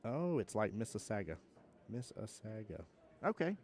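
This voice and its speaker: A man's voice: fairly low pitch, sing-song, normal speed, a little mellow. A young man from Georgia with a Southern accent, commentating a pool tournament on a live stream and chatting with viewers in a joking, laid-back way. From Georgia, USA. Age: young adult.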